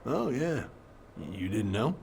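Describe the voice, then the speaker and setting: A middle-aged American boat captain for a story game. His voice is low and gruff, swinging widely in pitch, with a wounded, defensive way of talking. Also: big pitch swings, measured pace, noisy background, exaggerated voice. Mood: wistful, subdued. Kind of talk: dramatic video game acting.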